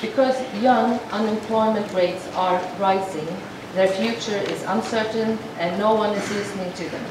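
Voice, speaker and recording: This is a sign language interpreter, a woman of medium pitch, rendering a formal address aloud with measured, hesitant delivery and frequent restarts. Heavy hall echo, distance from the microphone and a constant noise floor mark the recording.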